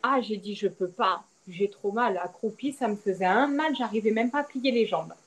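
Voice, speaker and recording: A young woman, a podcast guest, candidly recounting a personal story and acting out the quoted dialogue with lively swings in her voice. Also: normal speed, poor audio. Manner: animated, acts out quoted dialogue with big pitch swings. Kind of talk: candid storytelling about childbirth.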